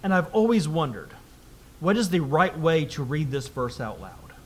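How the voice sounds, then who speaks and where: A man with a notably high voice delivers a sermon. He reads scripture with climbing emphasis and then drops into a calmer, talking tone to explain it. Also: normal speed, slight background noise. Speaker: preacher.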